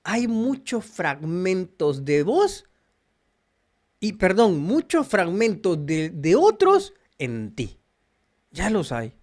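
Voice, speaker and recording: In a slow, earnest and preachy spiritual monologue, a Salvadoran host with a Salvadoran Spanish accent addresses his viewers directly. His voice is high and a little mellow, with huge swings in pitch.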